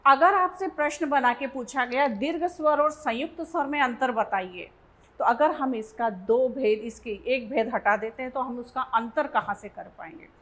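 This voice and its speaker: A woman teaching a Hindi grammar lesson, asking questions and answering them herself and repeating definitions slowly. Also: high voice, fairly bright tone, low-quality recording. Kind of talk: classroom lesson.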